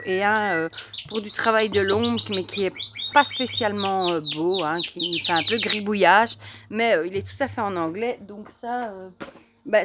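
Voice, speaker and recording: Chatty woman with a lowish voice, birdsong behind. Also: noisy background. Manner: chatty and enthusiastic, many fillers and repeated words. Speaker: tarot deck reviewer. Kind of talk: casual show-and-tell to camera.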